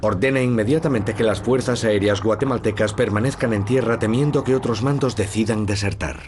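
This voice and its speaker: A man with a fairly low, steady voice narrates a documentary in a measured and serious way. He reads a script over soft music playing behind him. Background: background music.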